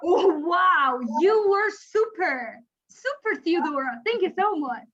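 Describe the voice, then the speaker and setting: A woman who speaks natively teaches a kindergarten class over a video call, her voice pitched very high and her delivery unhurried. She praises and coaxes in a sing-song manner. The lo-fi call audio sounds dull. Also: animated, fairly bright tone.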